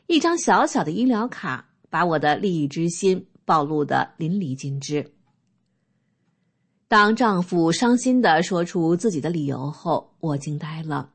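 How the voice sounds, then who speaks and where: Husky lady reading her own story aloud, slow and even, kinda low. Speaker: narrator. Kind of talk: first-person testimony read aloud.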